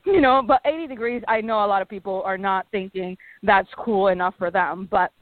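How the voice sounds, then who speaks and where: A woman's voice: medium pitch, moderate pace, a little hiss or hum. A woman in her thirties from Panama with a Panamanian Spanish accent and Spanish as her first language. She is a meteorologist talking in a radio interview, friendly and chatty, with fillers and small laughs. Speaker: guest meteorologist. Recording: dry, tinny phone line.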